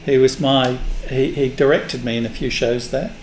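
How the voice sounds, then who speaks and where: A man in his sixties from England, a guest in an interview, telling unhurried stories about his past. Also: mid-range voice, steady tone, a little mellow. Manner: unhurried, anecdotal storyteller. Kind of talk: reminiscing in a casual interview. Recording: echoey room with faint noise.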